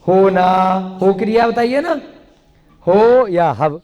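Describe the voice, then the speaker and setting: A man's voice: high-pitched, expressive, slow, dark tone, muffled recording. A male teacher giving a grammar lesson to a class, patiently putting questions to his students and dictating what they should write. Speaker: language teacher. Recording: long classroom reverb.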